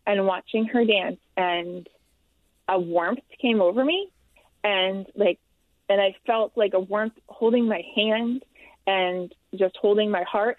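A woman's voice: medium pitch, no room sound. Woman on a tinny phone-like line. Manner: halting, repeats herself, laughs between hard parts. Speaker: guest telling her story. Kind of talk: emotional personal account. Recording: tinny, dry phone-like sound.

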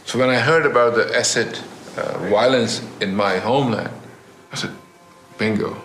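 A man's voice: mid-range voice, moderate pace, fairly bright tone, a little hiss or hum. A man from Karachi, Pakistan, a plastic surgeon, speaking about his work in an upbeat, matter-of-fact way. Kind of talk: interview clip. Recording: roomy clip with faint music.

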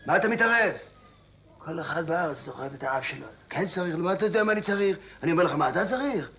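Man acting out an old man, comedy sketch, grumbling, nostalgic, rambling, raised gravelly voice. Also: a little high, fairly bright tone, slight background noise. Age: older. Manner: grumbling, chatty, rambling tangents.

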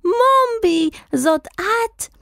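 A woman voicing a distraught, half-mad male wizard with a strange, choked voice, shouting in a storybook reading. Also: fairly high pitch, no room sound, studio quality, natural voice. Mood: frantic shouting.

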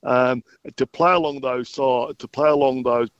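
Calling in to a radio show, a mature South Australian man, a retired footballer who is middle-aged or older, looks back on the past in a casual interview. He speaks with a matter-of-fact, unassuming drawl in a steady, mid-range voice at moderate pace. The sound is dry and echo-free but a bit dull.

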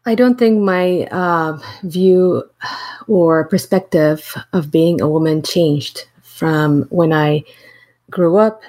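A middle-aged woman from Syria speaks in a low, mellow voice. She answers interview questions slowly and thoughtfully, often pausing and restarting. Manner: thoughtful, hesitant, many fillers and restarts. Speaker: associate teaching professor.

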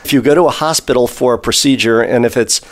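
A male panelist speaking for the industry gives long, winding answers. His voice sits in a middle pitch range. He pauses often with fillers as he works through his points. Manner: discursive, thinking aloud with many pauses. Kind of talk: panel interview.

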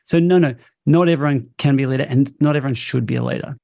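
A man's voice: mid-range voice, quick pace, vocal fry, darkish tone, no echo, studio quality. A man being interviewed about leadership and culture, speaking bluntly and frankly. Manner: blunt and outspoken. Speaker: interview guest, company CEO. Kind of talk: interview answers.

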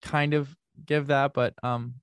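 Young male musician guest, mid pitch, loose and rambling, dry recording. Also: flat delivery, takes it slowly, vocal fry, clean tone, no echo. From North America. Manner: rambling, many fillers and restarts. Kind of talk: casual interview chat.

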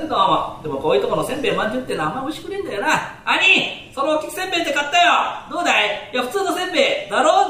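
Rough, excitable Edo townsmen, played by a male storyteller trade slangy banter. The voice jumps up and down with lively swings. It echoes from a distant mic in a hall. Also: very high-pitched, a little hiss or hum, voice pushed up, exaggerated voice. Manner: rough, slangy street talk. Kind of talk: rakugo character dialogue.

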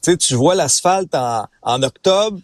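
A man's voice: a little high, animated, measured pace, no echo. A man from Abitibi with a Quebec French accent, chatting as a radio columnist from his parked car, telling stories and laughing often. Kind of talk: casual radio chat. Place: parked car at a rest stop.

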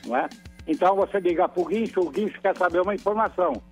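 A man speaks over a phone line into a live radio program. His voice sits a little higher than most men's, and he talks in a halting way, hunting for words mid-sentence. Faint music runs beneath the call. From São Paulo, Brazil. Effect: heard over a phone line. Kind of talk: casual call-in complaint.

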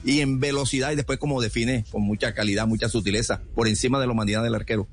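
Man, football analyst, panel talk, medium pitch, faint music bed. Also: fairly even intonation, fast. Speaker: sports analyst.

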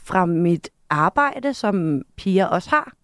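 A woman's voice: lowish voice, sing-song, clear, resonant tone, no echo. A woman guest in a casual studio conversation, talking hesitantly with many fillers and dry self-mockery. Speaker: podcast guest, journalist. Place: radio studio.

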